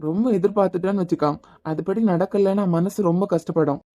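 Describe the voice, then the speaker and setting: A woman voicing a steady, comforting adult man, a doctor like an elder brother, advising a hurt young woman. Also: lowish voice, fast, close to an everyday voice. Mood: reassuring. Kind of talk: Tamil audio drama acting.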